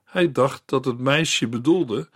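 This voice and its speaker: A man narrating a scripted devotional story in a measured storytelling manner as the host of a Bible series. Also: mid-range voice, a bit bright, slightly rough, no echo, clean studio sound.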